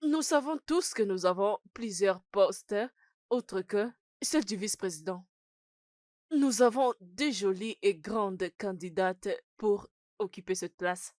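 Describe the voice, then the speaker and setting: Teacher, film dub: measured, formal, very slow delivery, dry close mic. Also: female voice, medium pitch, animated, darkish tone, no room sound. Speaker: school teacher.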